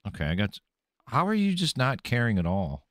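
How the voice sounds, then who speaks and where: A man's voice: mid-range voice, wildly swooping pitch, moderate pace, no echo, studio quality. A man streaming a game live, commenting casually, swearing freely and taunting the enemies he fights.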